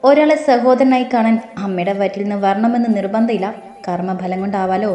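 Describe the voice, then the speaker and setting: A woman voicing an eager young woman, naive but sharp-tongued when crossed, in an audio story. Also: mid-range voice, brisk, lightly acted. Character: young woman, lively, naive, quick to bristle. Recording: roomy with faint music.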